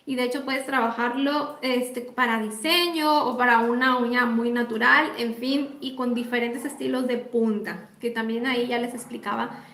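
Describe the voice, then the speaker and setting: A woman's voice: fairly high pitch, fairly even intonation, normal speed, a bit bright, roomy sound, a little hiss or hum. A Mexican woman teaching nail techniques on a live stream, chatty and affectionate, greeting viewers by name. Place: indoor home workspace.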